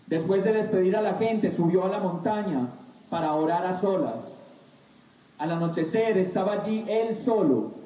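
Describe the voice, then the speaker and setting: A man preaching a sermon, slow and emphatic with dramatic pauses. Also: sits high, warm tone, distant mic. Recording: echoey room, voice off-mic.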